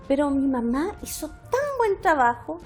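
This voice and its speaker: High-voiced woman in her fifties. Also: sing-song, unhurried, soft background music. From Chile. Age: 50s. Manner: warm reflective storytelling, frequent hesitations. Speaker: member of parliament, guest. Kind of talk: conversational interview.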